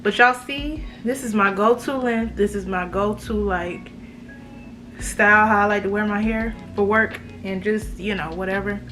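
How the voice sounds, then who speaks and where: With braces causing a slight lisp, an American beauty vlogger gives a casual but forceful review to the camera. She speaks at a medium pitch and leans heavily on slang.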